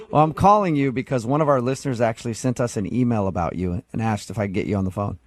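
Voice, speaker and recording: A man's voice: medium pitch, fast talker, a little mellow, no room sound. An American man hosting a morning radio show, bantering casually with callers in a mock-earnest, teasing way.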